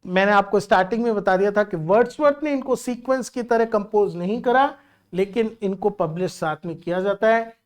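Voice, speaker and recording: A woman's voice: medium pitch, brisk. A woman teaching literature, explaining a poem patiently and counting out syllables, switching between Hindi and English.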